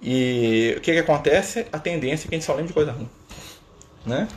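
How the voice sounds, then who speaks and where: A man's voice: on the high side, moderate pace, a little hiss or hum. A man talking casually to viewers in a spiritual live stream, chatty and playful, tagging sentences with little questions. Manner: chatty, constant "né?" tags, playful asides.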